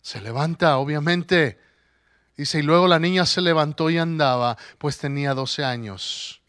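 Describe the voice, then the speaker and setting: A man preaching a sermon, telling the story with animated character voices and rising to emphatic declarations. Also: fairly high pitch, a little slow, no echo, clean studio sound.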